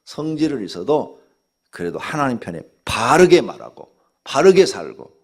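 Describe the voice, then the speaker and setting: Gravelly older Korean pastor, scolding. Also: male voice, very animated, normal speed. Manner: scolding, blunt, acts out dialogue with sudden pitch jumps. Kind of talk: dawn sermon.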